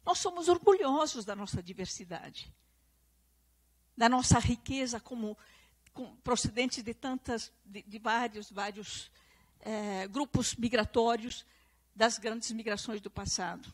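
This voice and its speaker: A woman from southern Brazil, carrying an Italian-descendant regional accent, gives an earnest public lecture to a live audience and online viewers. Her husky voice is fairly high and measured, and she often repeats and restarts phrases for emphasis.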